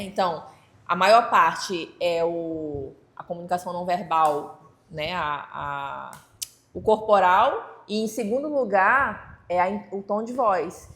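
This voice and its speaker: A woman taking part in a workplace meeting, explaining her point in a halting way with many restarts. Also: mid-range voice, a bit bright, reverberant. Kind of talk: casual explanation in a group discussion.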